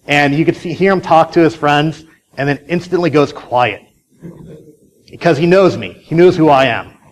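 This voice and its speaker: A man's voice: on the high side, normal speed, rough recording. A man giving a casual conference talk, telling a story in a chatty way with many fillers and restarts. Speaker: conference speaker.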